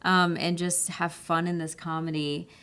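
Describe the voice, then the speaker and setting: A woman actress talking casually on a podcast, animated and full of "like" fillers. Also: lowish voice, a little slow, smooth. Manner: animated, laughing storyteller with "like" fillers. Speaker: actress guest.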